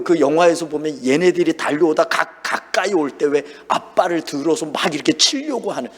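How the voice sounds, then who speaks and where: A pastor telling a dream story in a sermon, acting out his own words and shouts. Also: fairly high pitch. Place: church sanctuary. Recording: long hall reverb.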